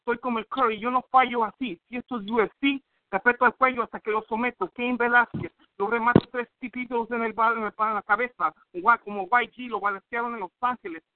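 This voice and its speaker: A man's voice: extremely high pitch, fairly even intonation, fast talker, few pauses. A man from Northern California spitting boastful, aggressive insult rhymes in a rap battle over the phone. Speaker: battle rapper. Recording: tinny dry phone line.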